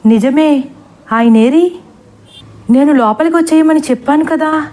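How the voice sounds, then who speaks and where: A woman's voice: on the high side, fairly even intonation, normal speed, dark tone, lightly acted. A woman voicing a frightened middle-aged male schoolteacher who talks in a trembling, urgent way. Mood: panicked.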